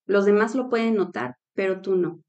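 A woman's voice: mid-range voice, normal speed, muffled recording. A woman co-hosting a casual faith-based talk show, telling stories and laughing often. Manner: storytelling, laughs often, animated quotes. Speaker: co-host.

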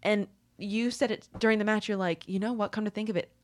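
A woman's voice: mid-range voice, steady tone, fast talker. A woman co-hosting a podcast in casual chat, gushing with enthusiasm and laughing easily. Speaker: podcast co-host.

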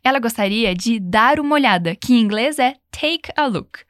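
Teaching English, a young woman from Brazil patiently says every phrase again at a slow pace for the learner. She has a Brazilian Portuguese accent and a slightly high voice with lively intonation, and the sound is close and dry with no echo.

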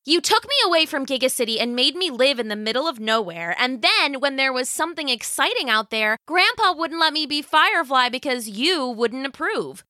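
A woman voicing a rebellious teenage girl hero who speaks high, eager and defiant. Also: very animated, moderate pace, hardly any pauses, bright, forceful tone, no echo, clean studio sound, exaggerated voice.

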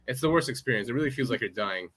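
A man's voice: medium pitch, expressive, rapid-fire, fairly bright tone. A man co-hosting a podcast in casual chat, laughing often and repeating himself as he tells a story. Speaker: podcast co-host.

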